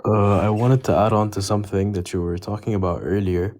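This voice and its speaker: A man from South Lebanon calling into a live stream, speaking in an earnest, measured way. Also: lowish voice, fairly even intonation, darkish tone, a little hiss or hum.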